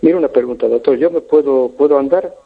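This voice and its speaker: A man speaks as a caller heard over the phone, his voice coming through a tinny, narrow line. He sounds gravelly and a little husky, asking his questions politely and haltingly, often restarting his sentences. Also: mid-range voice. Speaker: radio caller. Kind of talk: casual call-in chat.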